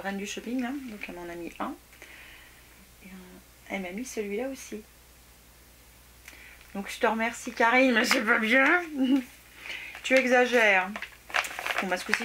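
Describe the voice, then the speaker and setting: Chatty woman whispering over fan mail. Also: mid-range voice. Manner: chatty, exclaiming, often drops to soft near-whispers. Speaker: beauty vlogger opening fan mail. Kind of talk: casual unboxing chat. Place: at home. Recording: noisy home recording with clicks.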